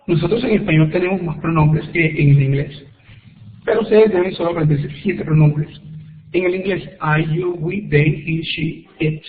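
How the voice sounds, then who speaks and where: A man teaching an online English grammar lesson, explaining slowly and patiently with repeated examples. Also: on the high side. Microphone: computer microphone on a web call. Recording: echoey tinny web conference audio.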